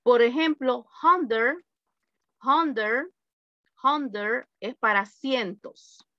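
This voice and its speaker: A woman teaching an English class over a video call, slowly and patiently drilling lists of numbers. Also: fairly high pitch, no echo. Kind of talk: online class lesson. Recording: dull, lo-fi video call audio.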